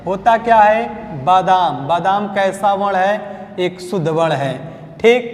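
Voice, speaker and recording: High-voiced Hindi-accented teacher in an echoey hall. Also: male voice. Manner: drills words by slow repetition and quizzing. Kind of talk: spelling lesson at a whiteboard. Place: coaching classroom.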